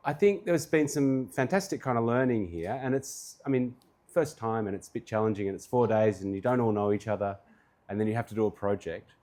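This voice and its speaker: Hoarse man, course instructor. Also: on the low side, darkish tone. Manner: informal, rambling with fillers. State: losing his voice. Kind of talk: closing remarks to a class.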